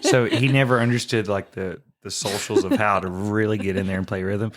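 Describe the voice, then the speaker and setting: A Southern man in his thirties with a fairly low voice spins a story for his friends. He talks in an animated way and laughs a lot. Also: brisk. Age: 30s. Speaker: guest singer-songwriter. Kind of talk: storytelling in casual chat.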